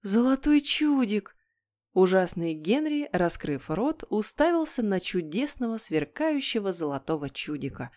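A woman narrating a children's audiobook in an expressive, lively way. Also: on the low side, moderate pace, hardly any pauses. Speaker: audiobook reader.

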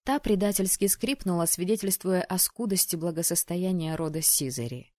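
A woman reading a first-person novel aloud in an expressive, measured way. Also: lowish voice, dry recording, clean studio sound. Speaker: audiobook reader.

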